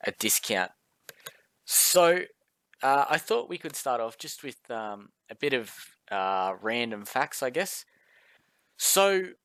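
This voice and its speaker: A man teaches a recorded maths lesson, talking casually and filling pauses with ums and uhs. His voice sits at an ordinary pitch, and the recording is dry and close with no room sound. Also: fairly bright tone, no echo. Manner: casual, friendly, chatty with filler words.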